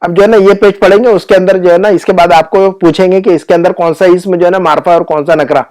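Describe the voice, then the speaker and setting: A middle-aged man teaching a grammar class, explaining patiently, repeating himself and often checking that students follow. He recites word lists slowly and deliberately. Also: high-pitched, steady tone, a little mellow. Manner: patient, repetitive explaining with frequent checking questions. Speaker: Arabic teacher.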